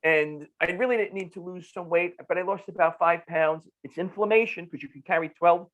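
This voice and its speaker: A middle-aged man from northern New Jersey, a nutrition clinician appearing as a podcast guest, explains things conversationally with a New Jersey accent. His slightly high, somewhat bright voice moves a little fast, and he drives points home emphatically with repeated phrases and rhetorical questions. The recording sounds somewhat dull and lo-fi.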